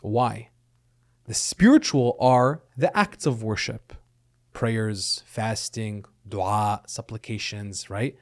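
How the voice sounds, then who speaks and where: A middle-aged man who grew up in Lebanon and the United States appears as a podcast interview guest, earnestly explaining his points and often checking in with "right?". His voice is fairly low and slow.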